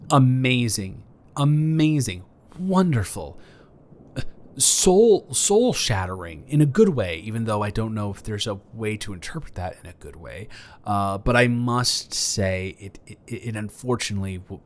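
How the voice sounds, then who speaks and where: In a romantic roleplay audio, a man improvises the part of a flirty, awkward neighbor, stammering and earnest as he speaks. His voice is lowish and the mood is playful.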